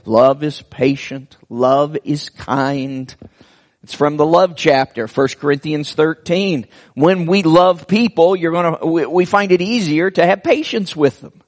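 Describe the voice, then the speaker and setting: Guy pastor giving a sermon, kinda high voice, really slow and careful, gentle. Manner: slow and deliberate, with earnest pauses.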